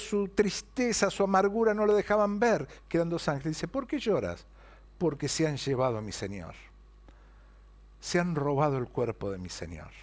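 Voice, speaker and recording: A man with a Rioplatense Spanish accent preaching an Easter sermon, retelling a story and asking the congregation rhetorical questions. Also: a little high. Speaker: pastor.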